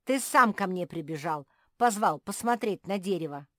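A woman's voice: lowish voice, expressive, moderate pace, dry recording, clean studio sound, voice pushed up, close to an everyday voice. A woman voicing a cheeky, teasing squirrel boy in a storybook reading. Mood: sly. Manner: sly, giggling, teasing.

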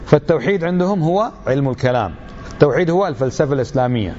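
A man's voice: on the high side, animated, rapid-fire, a little mellow, muffled recording, a little hiss or hum. A middle-aged man giving an emphatic religious lecture, full of rhetorical questions.

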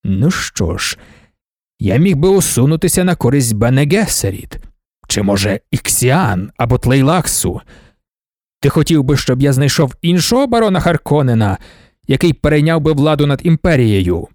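A man reading the part of an ancient godlike male emperor, calm and cryptic, with a slow, weighty delivery. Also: mid-range voice, no echo, studio quality, lightly acted. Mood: measured.

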